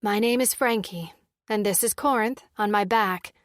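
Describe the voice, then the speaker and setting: A woman voicing a young human mother who is warm, lively and quick to speak her mind. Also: medium pitch, no echo, studio quality, close to an everyday voice.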